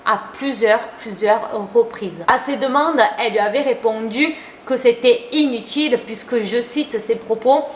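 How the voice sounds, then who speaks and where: A fairly high-pitched young woman talks straight to her audience in a chatty, opinionated way, dropping casual slang as she goes. Her voice carries a noticeable roomy echo, with a faint hiss of noise underneath. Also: moderate pace. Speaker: YouTuber. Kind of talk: casual commentary to camera.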